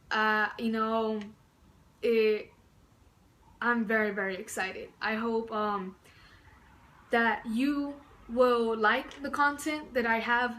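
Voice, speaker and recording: Talking to camera at home, a woman in her early twenties rambles enthusiastically, restarting often and using many fillers in this casual vlog. She was born in Mexico and grew up in Southern California. Her voice is a little high, with a bright, forceful tone.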